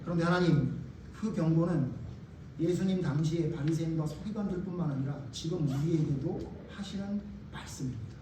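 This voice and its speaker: A male pastor preaching a sermon in a church sanctuary, passionate, swinging between shouted exhortations and hushed asides. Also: a little high, moderate pace, slight background noise. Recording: very echoey hall, voice heard from a distance.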